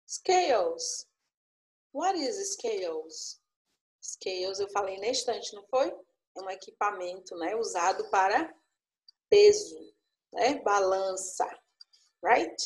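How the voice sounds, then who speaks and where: In an online class, a woman explains an English lesson patiently, coaxing her listeners and checking in with frequent tag questions. Her voice is medium in pitch and a little slow, with a roomy sound.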